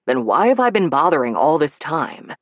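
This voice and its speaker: A woman's voice: low-pitched, sing-song, no room sound, highs cut off. A woman voicing a teasing, persuasive man. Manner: wheedling, good-humored, rushed when nervous. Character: charming playful adult man, teasing and persuasive.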